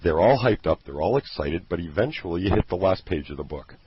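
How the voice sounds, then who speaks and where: Man, very low husky voice, earnest pitchman in casual chat, dull lo-fi recording. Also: lively intonation, fast talker, no room sound. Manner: earnest, passionate, rambling with restarts. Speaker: product creator promoting his program.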